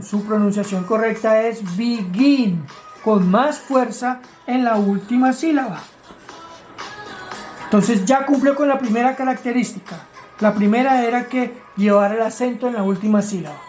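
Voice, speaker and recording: A woman's voice: fairly high pitch, a little mellow. A woman teaching grammar, explaining rules step by step in a patient way and asking her students questions. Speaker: English teacher.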